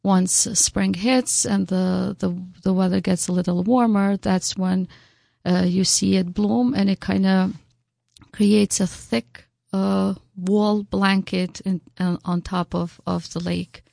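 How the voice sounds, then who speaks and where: A woman from Albania with an Albanian accent, giving unscripted interview answers in a halting way, searching for words. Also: medium pitch, fairly even intonation, gravelly, mellow, no room sound, studio quality. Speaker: interview guest, local artist.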